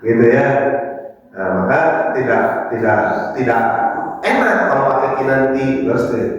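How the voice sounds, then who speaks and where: A man's voice: mid-range voice, animated, unhurried, lo-fi sound. A man with a Sundanese accent preaching in a mosque, questioning the congregation and chanting verses. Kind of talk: mosque sermon. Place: mosque hall. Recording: echoey mosque hall, mic far off.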